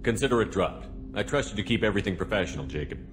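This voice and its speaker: A man's voice: on the low side, animated, rapid-fire, over music, lightly acted. An actor playing an assured, direct male military commander in a video game. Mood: calm, assured.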